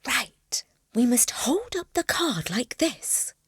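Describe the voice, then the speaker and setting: A prim and proper lady mouse from a storybook, careful and thoughtful, explaining things precisely, as a woman narrator puts her on. Her voice is raised and lively, recorded close and dry. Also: sits high, takes it slowly, dry recording, voice pushed up, full character voice. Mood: earnest. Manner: precise, instructive. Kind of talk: storybook character voice.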